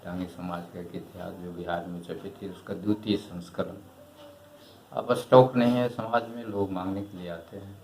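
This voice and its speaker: An older man, a retired writer and historian, answering interview questions in a measured, reflective way. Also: deep voice, steady tone, reverberant, a little hiss or hum, rough recording.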